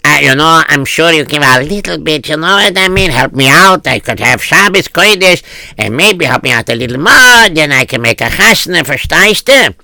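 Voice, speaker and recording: Poor beggar, played by a man, raised pitch, gravelly, stammers and pleads. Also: animated, normal speed, sharp tone, dry recording, exaggerated voice. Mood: pleading. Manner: stammering, pleading, hums to himself.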